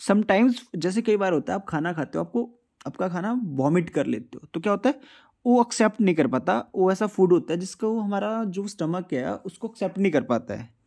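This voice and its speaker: A man's voice: sits high, expressive, normal speed, creaky, darkish tone. A man teaching a school science lesson to children, repeatedly asking questions and answering them himself, mixing in English terms. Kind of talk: classroom-style video lesson.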